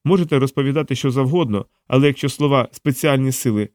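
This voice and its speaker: A man's voice: medium pitch, fast talker, darkish tone, no room sound, voice pushed up, lightly acted. Man doing a menacing army lieutenant. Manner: stern, threatening. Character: gruff male lieutenant, menacing and commanding.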